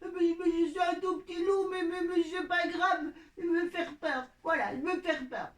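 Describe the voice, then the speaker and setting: A woman's voice: very high voice, fairly even intonation, normal speed. A woman voicing a boastful, childish little boy wolf who plays big and bad and stammers when challenged, in theatrical children's storytelling. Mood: timid, then eager. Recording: echoey room, distant from mic.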